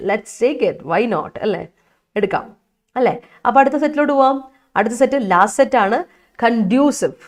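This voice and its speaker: A woman's voice: on the high side, expressive, normal speed. Malayali woman running a live English lesson; chatty teacher, keeps checking in with students. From Kerala. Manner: chatty, keeps asking "right?" of her students; switches between two languages, reads student sentences aloud.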